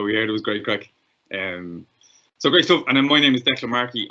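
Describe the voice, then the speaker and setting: A chatty Irish man hosts an online call, stumbling into restarts as he goes. His voice sits fairly low yet sounds bright and forward. The video-call audio is a little muffled. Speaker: host of an information call. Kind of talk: casual chat.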